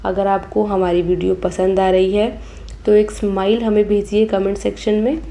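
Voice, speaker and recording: A woman's voice: mid-range voice, level tone, moderate pace, warm tone. A young woman teacher going through an exam paper, reading each option aloud and then giving the answer.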